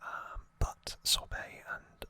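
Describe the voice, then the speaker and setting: Whispering close to the mic, an ASMR host slowly retells some trivia without a script, a little hesitantly. The whisper sounds bright and forceful, and there's no room sound.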